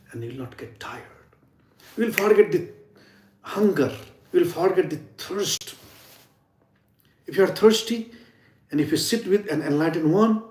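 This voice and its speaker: A fairly high but darkish-toned male voice, captured with roomy sound, belongs to a yoga and sound healing teacher. His informal spiritual talk on sound healing is earnest, with frequent dips to near whispers for emphasis.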